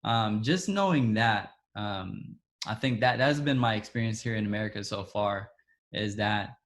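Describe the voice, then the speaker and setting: A lowish voice belongs to this man from Ethiopia, who is being interviewed about a personal story. He speaks haltingly, restarting frequently and drifting into soft, trailing asides.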